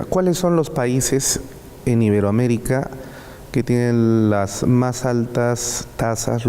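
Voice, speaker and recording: A man hosting an interview, cutting in with probing follow-up questions. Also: mellow. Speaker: interview host. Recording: reverberant room with faint low rumble.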